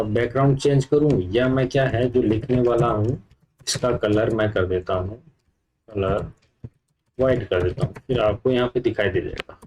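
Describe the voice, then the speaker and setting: A man's voice: medium pitch, darkish tone, a little hiss or hum, low-quality recording. Man teaching code while typing. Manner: explains step by step while typing, with fillers. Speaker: computer teacher. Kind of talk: live coding lesson.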